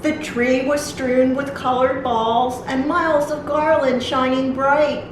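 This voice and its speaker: This library storytime reader has a high, steady voice and reads slowly, pausing to give little ones simple asides as she shares a picture book. Her voice comes through a distant mic in a very echoey room with plenty of noise.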